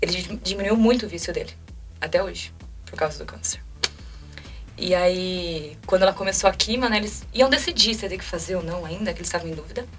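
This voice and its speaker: A Brazilian woman in her twenties talks fast and emotionally, jumping into quoted lines of dialogue as she retells a personal story. She sits a bit back from the mic, and faint music plays underneath. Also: lowish voice, distant mic. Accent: Brazilian Portuguese. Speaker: interview guest.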